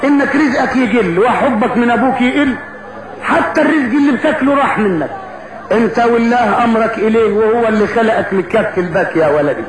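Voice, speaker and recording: A man's voice: very high voice, fast talker, distant mic, crowd noise. A man voicing a dignified, sorrowful noblewoman in an Egyptian Arabic cafe storyteller's folk epic, plaintive and direct. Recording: roomy echo, clear background noise.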